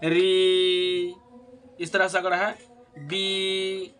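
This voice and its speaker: A high, bright male voice giving a step-by-step music lesson. He keeps asking his students a question and answering it himself. Now and then he slows down to sing note names. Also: steady tone. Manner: repeats key points as questions and answers them; sings note names slowly while explaining. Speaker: music teacher. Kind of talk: spoken harmonium lesson.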